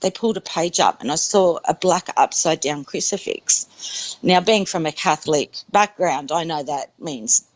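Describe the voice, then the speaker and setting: A woman's voice: low voice, normal speed, rough recording. A woman giving an earnest, emphatic personal testimony in an interview. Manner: earnest, emphatic, repeats herself. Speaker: interviewee recounting a near-death experience.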